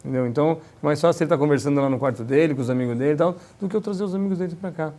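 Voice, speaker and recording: A man with a mellow, somewhat higher voice. He talks in an animated, chatty way, acting out little dialogues and checking in with tag questions. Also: racing. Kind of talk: casual conversation.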